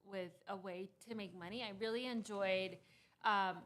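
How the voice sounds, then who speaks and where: Speaking as a studio interview guest, a woman in her thirties from Costa Rica who founded a startup chats casually, with frequent laughter, fillers and restarts. She has a mid-range, fairly bright voice, a steady tone and a normal speed.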